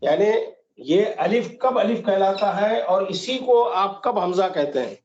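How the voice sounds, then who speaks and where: A high-voiced man teaching an online class, who patiently asks questions and repeats each example. The call audio sounds roomy and dull. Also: lively intonation, darkish tone, slight background noise. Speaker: Quran recitation teacher. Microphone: video call.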